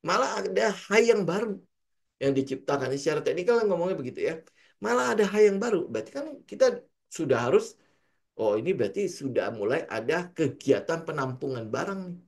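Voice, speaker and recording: A trading coach with a fairly high, creaky voice gives a casual trading lesson in Jakarta-slang Indonesian. He keeps posing rhetorical questions and acting out what traders say.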